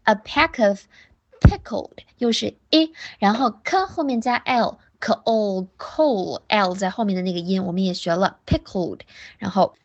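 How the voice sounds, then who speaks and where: Patient woman drilling pronunciation slowly. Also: medium pitch. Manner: switches between Mandarin explanation and English examples. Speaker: English pronunciation teacher. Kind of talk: online class teaching. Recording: dull lo-fi online audio.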